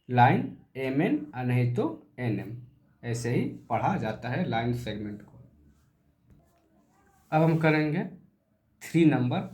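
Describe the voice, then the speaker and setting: A man teaching a primary school maths lesson, slowly repeating points and asking questions he answers himself. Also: on the high side, darkish tone. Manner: slow, repetitive, asks and answers his own questions. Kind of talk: classroom video lesson. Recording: echoey room.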